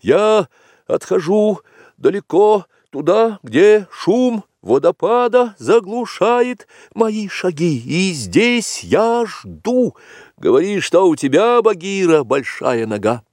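Storybook jungle boy, high and excited, voiced by a male reader, animated lilt. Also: takes it slowly, no echo, clean studio sound, heavily acted. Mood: eager. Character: Mowgli, eager young jungle boy tracker.

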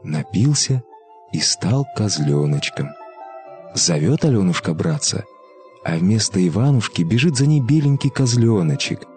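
A man narrates a folk fairy tale in a low voice. His expressive delivery rises and falls with lively swings, and music plays faintly behind him. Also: unhurried. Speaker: storyteller.

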